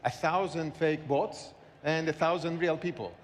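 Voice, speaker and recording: Man, conference panelist, halting searching delivery, long hall reverb, some background noise. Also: fairly high pitch.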